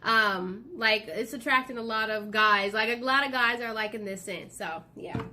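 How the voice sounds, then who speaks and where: A woman's voice: on the high side, normal speed, pushed and bright. A woman co-hosting a casual chat about her products and foods, talking in a loose way with lots of "um" and "like". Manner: chatty, full of "um" and "like" fillers. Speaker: co-host and small business owner.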